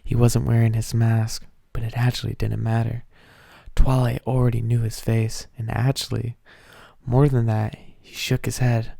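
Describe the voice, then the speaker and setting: A man's voice: medium pitch, flat delivery, moderate pace, creaky, mellow, dry recording, clean studio sound. A man giving an amateur dramatic reading of fan fiction, with amused asides. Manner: breaks character with amused asides.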